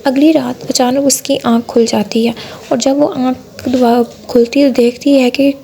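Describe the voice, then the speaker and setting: A woman's voice: high-pitched, steady tone, normal speed, vocal fry, warm tone. A woman narrating a cartoon bedtime story, reading steadily with small slips and restarts.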